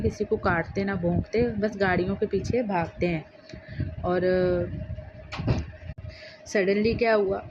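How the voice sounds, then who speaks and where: A middle-aged woman from Gujarat telling a personal story in a casual vlog, speaking slowly and earnestly and acting out both sides of a dispute. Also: medium pitch. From Gujarat, India. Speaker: vlogger. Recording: muffled lo-fi with clear background noise.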